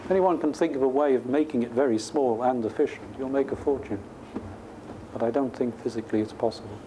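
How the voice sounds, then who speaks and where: A male professor with a medium-pitched voice talks fast, explaining technical ideas informally and thinking aloud conversationally. He's in a university lecture room, and the recording is clearly noisy.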